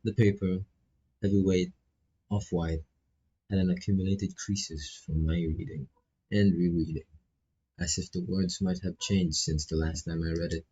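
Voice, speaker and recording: His low-pitched voice is warm and slightly rough, steady in tone and unhurried. A non-native English speaker, this man streams a visual novel, reading its text aloud with casual asides while stumbling and repeating phrases, all on a dull, lo-fi microphone.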